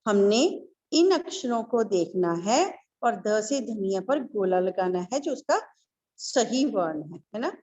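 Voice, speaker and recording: A woman's voice: mid-range voice, expressive, measured pace, mellow, dull audio. A woman kindergarten teacher with a North Indian Hindi accent, giving an online lesson in a patient, sing-song way to small children.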